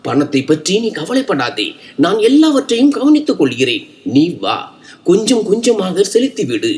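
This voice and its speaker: A cheerful cousin delivers his lines in an upbeat, laughing way, as a male narrator voices him. The pitch moves widely, as in a storybook reading. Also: big pitch swings, normal speed, a little mellow.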